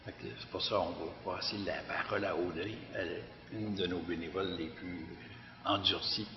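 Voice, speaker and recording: Heard on a muffled, lo-fi recording that echoes at length through a hall, the director of a community garden organization testifies publicly to an audience. His deep voice carries a Québécois French accent and stays steady in tone, yet he keeps hesitating, restarting and filling gaps with "euh."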